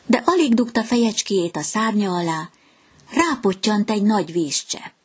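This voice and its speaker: A woman reading a fairy tale aloud in a gentle, measured storytelling voice. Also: mid-range voice, expressive, slightly rough.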